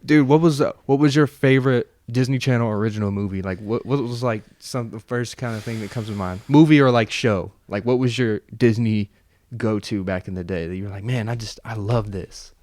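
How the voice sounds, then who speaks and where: A man's voice: fairly low pitch, brisk, a little mellow, no echo. Laid-back young man saying "dude". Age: 20s. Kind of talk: casual chat.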